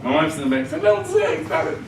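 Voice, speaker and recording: His voice is extremely high and creaky, swooping wildly in pitch and running a little fast. A Southern-accented man from Arkansas, he gives a folksy, rambling sermon talk at a conference and laughs at his own jokes. The conference hall is echoey, the mic distant, with slight background noise.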